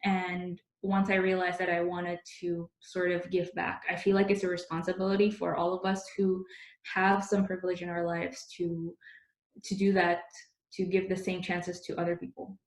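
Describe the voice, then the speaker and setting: A young woman from Indonesia talks into a laptop webcam at home. Her voice sits a little low, and she pauses often with soft fillers as she reflects. The room adds a noticeable echo. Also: monotone. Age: young adult. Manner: thoughtful, with frequent "um" and "uh" fillers. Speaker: business journalist. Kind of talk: personal reflection to camera. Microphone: laptop webcam, close framing.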